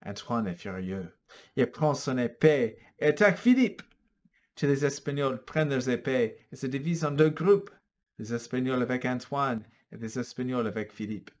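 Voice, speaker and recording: A man narrating a storybook for learners, in a clear, deliberate and expressive delivery. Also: medium pitch.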